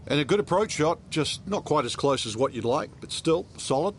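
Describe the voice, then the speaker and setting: A man's voice: on the high side, animated, a little fast. A man working as a golf analyst, commenting on live play. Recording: faint ambient noise behind.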